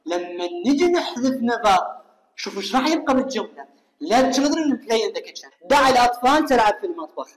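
A man with an Iraqi Arabic accent teaching an English lesson. He asks his students questions and answers them himself, and reads the English example sentences slowly and carefully. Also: sits high. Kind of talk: recorded classroom lesson. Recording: echoey room with long reverb.

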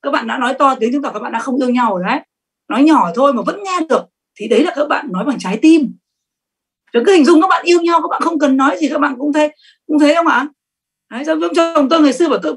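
A middle-aged woman giving a sales training talk, lively and emphatic, often asking the audience questions. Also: high voice, fast.

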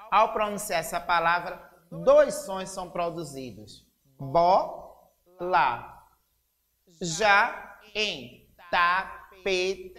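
A woman teacher with a Brazilian accent giving a slow, deliberate literacy lesson, spelling out syllables. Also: mid-range voice, fairly bright tone, in a large hall. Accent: Brazilian Portuguese.

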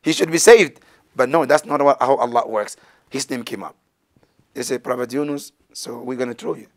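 A man's voice: mid-range voice, normal speed. A middle-aged man telling a religious story as a teacher, gesturing and acting out the voices of the people in it, in a small indoor studio on a lapel mic. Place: studio set with banners, indoors.

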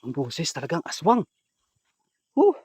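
A young man from the Philippines leads a ghost-hunting vlog in a light, high voice. He drops to hushed asides for his viewers, then calls out loudly and chants prayers. The sound is dry and close, with no room around it. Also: wildly swooping pitch, unhurried, slightly rough, dry recording. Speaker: ghost hunter vlogger. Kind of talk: paranormal investigation vlog.

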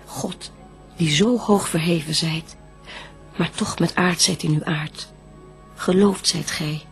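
Devoted first bride, low voice, very unhurried reverent declamation, solemn verse radio play, faint music. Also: female voice, breathy edge, full character voice. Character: Eve, first woman, devout, devoted gentle bride.

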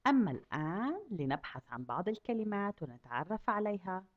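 A woman teaching a kindergarten class, asking the children questions and drawing out each word slowly so they can repeat it. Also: medium pitch, big pitch swings, highs cut off. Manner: asks children questions and stretches out words slowly to model them. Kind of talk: lesson for young children.

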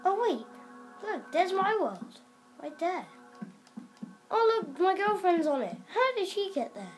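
This gaming video maker sounds young, with a very high, very animated voice that runs a little slow. Role-play commentary on the game is improvised with plenty of rambling and exclaiming, recorded by a camera filming the TV at home over game music.

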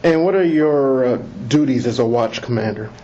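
Slow and measured, a man who is a police lieutenant reads the fixed admonitions of a formal official interview in a mellow, medium-pitched voice. It's captured on an interview audio recorder, sounding like an interrogation tape, muffled and lo-fi with faint hiss.

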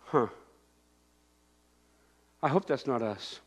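An older pastor preaches in a church sanctuary, his mid-range voice husky and slow-paced. He moves about, raising his voice in bursts, shouting out acted crowd voices and pointing as he goes.

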